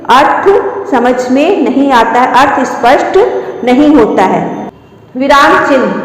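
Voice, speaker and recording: A woman teacher giving a slow, explanatory grammar lesson and repeating the key terms. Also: sits high. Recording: echoey room with long reverb.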